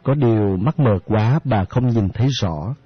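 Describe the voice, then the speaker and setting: A man narrating an audiobook in a steady storytelling manner. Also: lowish voice, measured pace, breathy edge, no room sound. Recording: dry, slightly muffled audiobook.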